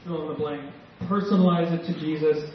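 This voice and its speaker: High-voiced pastor preaching in an echoey hall. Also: male voice, steady tone. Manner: emotional, tearful at times, slow emphatic pauses. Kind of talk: sermon. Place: church sanctuary. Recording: echoey church hall, distant mic, dull sound.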